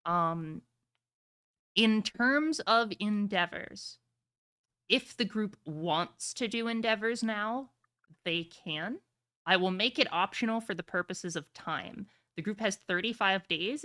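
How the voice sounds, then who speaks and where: A woman game master closes out an online tabletop session by talking casually to her players and viewers, swearing from time to time. Her medium-pitched voice is fairly bright and moves at a measured pace.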